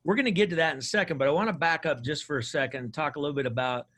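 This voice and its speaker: A man's voice: fairly high pitch, rapid-fire, a bit bright. A man hosting a podcast, enthusiastic and chatty, rambling a little with restarts. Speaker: podcast host. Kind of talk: casual interview hosting.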